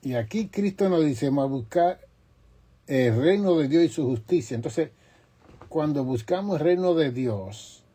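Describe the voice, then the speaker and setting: A man preaching a sermon as pastor, in slow, emphatic phrases with long pauses and forceful rises on quoted lines. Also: mid-range voice.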